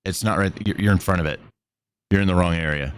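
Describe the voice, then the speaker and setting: A man with a low, smooth voice talks casually on a live stream, directing an editor in a blunt, bossy, sweary way. He draws out his S sounds.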